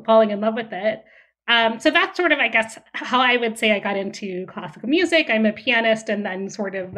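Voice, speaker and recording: A woman from Austria joins a podcast conversation as a guest, sounding animated and laughing readily. Her voice sits fairly high and rings bright and sharp. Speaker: guest, music scholar. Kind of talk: casual podcast interview.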